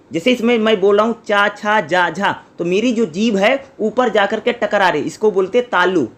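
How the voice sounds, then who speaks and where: High-voiced man teaching an exam lesson. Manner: repeats questions to the listener and answers them himself; sounds out syllables slowly one by one. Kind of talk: exam-prep lecture.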